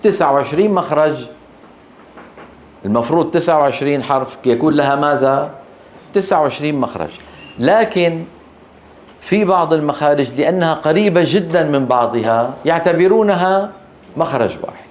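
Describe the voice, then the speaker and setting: In a class on Quran recitation, a male teacher with a fairly high, expressive voice explains things slowly. He goes over key terms repeatedly and often asks brief questions to make sure students are keeping up.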